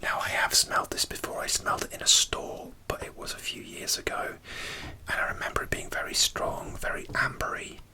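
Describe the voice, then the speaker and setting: A middle-aged ASMR creator speaking entirely in a breathy, unvoiced whisper, softly chatting in an informal way. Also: a little fast.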